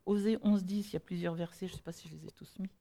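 Low, mellow-voiced woman preaching earnestly. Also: steady tone, vocal fry. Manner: earnest, builds to emphatic rhetorical questions; halting restarts while thinking aloud. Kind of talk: sermon with Bible readings.

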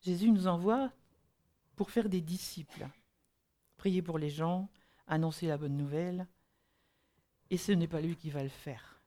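Low, mellow-voiced woman preaching earnestly. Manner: earnest, builds to emphatic rhetorical questions; halting restarts while thinking aloud. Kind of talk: sermon with Bible readings.

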